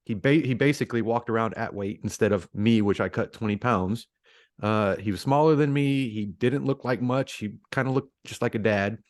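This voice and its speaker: A man co-hosting a podcast, telling a story in a relaxed, casual way with restarts and fillers. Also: fairly low pitch, moderate pace, dry recording. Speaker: podcast co-host. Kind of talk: casual chat.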